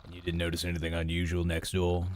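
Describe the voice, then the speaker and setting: A man voicing a blunt male detective in a game, questioning in a low, terse voice. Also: completely flat delivery, fast talker, darkish tone, slight background noise, lightly acted. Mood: stern.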